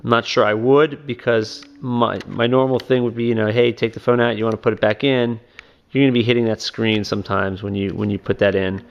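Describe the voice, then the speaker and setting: A man giving a casual video review of phone cases, talking in a halting way with many ums and restarts. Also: lowish voice, level tone, smooth. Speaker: product reviewer. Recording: dull lo-fi home video sound.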